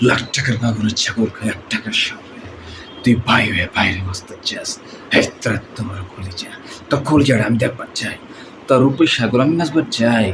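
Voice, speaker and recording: A man voicing a menacing, swaggering movie villain gang boss with a Bangladeshi accent and drawn-out threatening taunts. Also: medium pitch, close to an everyday voice. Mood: cold threats. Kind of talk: film villain dialogue mimicry. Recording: noisy amateur recording.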